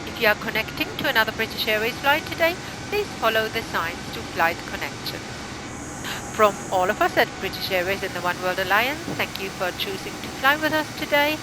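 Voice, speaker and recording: Woman as flight attendant over loud cabin noise. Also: medium pitch, natural voice. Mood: polite, formal. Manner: polite, formal, measured. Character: courteous female airline cabin crew member. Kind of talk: scripted airline cabin announcement. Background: loud steady aircraft drone.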